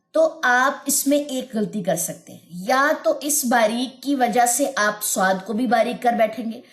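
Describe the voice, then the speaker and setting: Female tajweed teacher, higher voice, patient explainer who chants verses, roomy sound. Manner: patient, repeats points, chants verses in a slow melodic recitation. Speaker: Quran recitation teacher. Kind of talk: tajweed lesson with chanted recitation.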